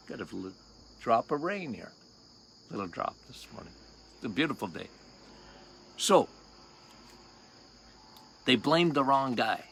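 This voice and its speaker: An older doctor with a loud, slightly high and gravelly voice hosts a health podcast outdoors, with a bit of background noise. He talks casually and with emphasis, repeating key points and quizzing his listeners in a relaxed health monologue.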